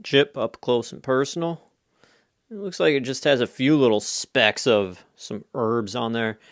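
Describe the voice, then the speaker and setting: An American man with a mid-pitched voice talks through a snack review in a dry, close-sounding recording. His delivery is casual and conversational, rambling along in an offhand way as he gives his opinions. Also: measured pace, no room sound. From United States. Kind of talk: casual off-the-cuff review chat.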